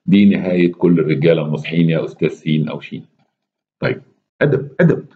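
A man with an Egyptian Arabic accent reading a short story aloud with expressive, wry delivery and casual asides. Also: rumbling low, quick pace, highs cut off. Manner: expressive, wry, laughs at his own asides.

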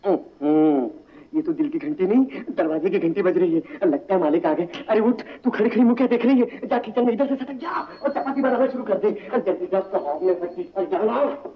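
A cheeky male servant, sly and teasing, high voice, tinny hissy old film sound. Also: animated, normal speed. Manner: sly and teasing, keeps asking if you get it.

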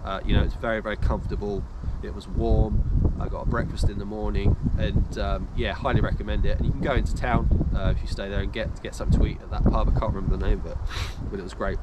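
A man's voice: on the low side, level tone, quick pace, few pauses, muffled recording. A man in his thirties casually giving hiking tips to camera outdoors, rambling with lots of fillers and restarts. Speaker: hiking vlogger. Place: outdoors in a windy park by a tree. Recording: loud wind buffeting the mic. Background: loud wind noise.

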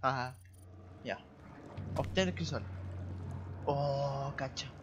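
A man's voice: mid-range voice, takes it slowly, background noise. A man hosting a gaming video, commenting casually and informally on his play, with muttered reactions. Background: video game music.

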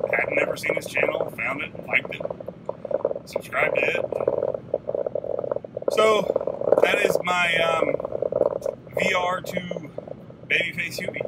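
A man in his thirties giving a rambling, relaxed video reply from inside a pickup truck, stopping now and then to puff on a pipe. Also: on the high side. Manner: rambling, relaxed, with restarts and drawn-out pauses; talks while smoking a pipe. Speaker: vlogger. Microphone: phone or camera mounted on the dashboard. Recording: loud road and engine noise.

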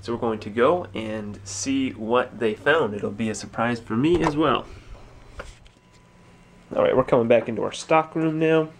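A man's voice: mid-range voice, measured pace, noisy background. A man thinking aloud in a casual vlog as he sorts through totes in a cluttered stock room, filmed on a handheld camera. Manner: musing, thinking aloud while sorting. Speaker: resale store owner. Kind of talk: casual narrated unboxing vlog. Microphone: handheld or head-mounted camera.

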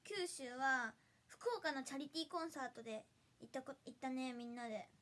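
A woman's voice: sits high, fairly quick, fairly bright tone. A young woman from Hiroshima with a Hiroshima accent, chatting casually with viewers on a livestream, giggly and bubbly with frequent laughter. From Hiroshima, Japan. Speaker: idol livestreamer. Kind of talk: casual livestream chat reading viewer comments.

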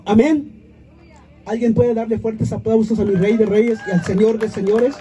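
A man's voice: high-pitched, steady tone, normal speed, warm tone, slight background noise. A man giving an impassioned church testimony at an outdoor prayer vigil, calling out to the congregation like a preacher.

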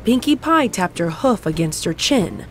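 A woman narrating a fan story in an even storybook reading. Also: fairly low pitch, normal speed, soft background music. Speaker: fanfic narrator. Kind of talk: scripted narration.

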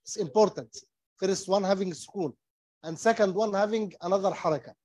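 A man teaching Quran recitation rules, explaining slowly and patiently in English and demonstrating the recitation, repeating each term. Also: high-pitched, a little mellow, dry recording. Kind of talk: slow tajweed lesson, mixing English and Arabic. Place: small mosque classroom.

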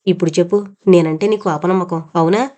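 A man's voice: high-pitched, fairly even intonation, a little fast, mellow, close to an everyday voice. A woman voicing a protective, impatient young man in an audio novel. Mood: stern.

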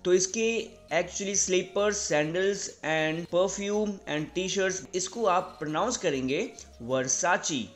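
High-voiced Indian man teaching pronunciation. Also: over music. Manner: repeats words slowly, often asks "right?". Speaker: English teacher. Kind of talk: casual video lesson.

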